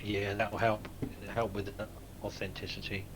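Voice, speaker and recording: A man's voice: fairly low pitch, flat delivery, normal speed, noisy background. A man on a group voice call, dropping dry joking trivia. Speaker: flight sim group member. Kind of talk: casual voice chat.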